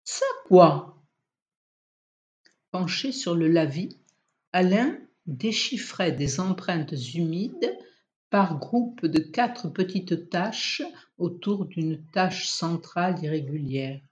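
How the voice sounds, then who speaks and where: A reader narrates a literary novel in an unhurried, measured storyteller's voice. The pace is slow and deliberate, with a mid-range pitch. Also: animated, dull audio. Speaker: audiobook reader.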